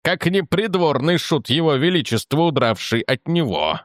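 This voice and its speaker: A man voicing an angry, boastful male guard who shouts and speaks with theatrical scorn. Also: a little high, expressive, moderate pace, no echo, clean studio sound, lightly acted.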